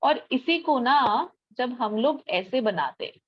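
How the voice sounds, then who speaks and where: A woman's voice: a little high, lively intonation, slow pace, breathy edge. Woman, young, online chemistry lesson, patient step-by-step explaining, frequent check-ins, dull audio. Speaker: chemistry teacher. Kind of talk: online classroom lecture.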